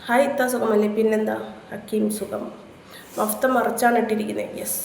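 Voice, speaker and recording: On a casual live stream, a Keralite woman from India exchanges crude insults with viewers. She speaks at a moderate pace in a creaky, slightly mellow voice that is on the high side with little pitch movement. The audio carries room echo and faint noise.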